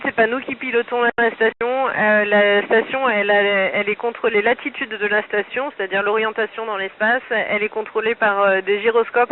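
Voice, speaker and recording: A man, an astronaut, patiently answering school questions over a noisy, narrow ham radio downlink from space and closing each turn with radio protocol. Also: high-pitched. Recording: hissy phone-thin amateur radio link.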